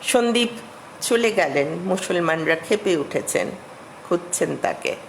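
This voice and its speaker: A middle-aged woman giving an academic lecture as a literature professor, measured and explanatory, with emphatic rises. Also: lowish voice, animated, a little hiss or hum, poor audio.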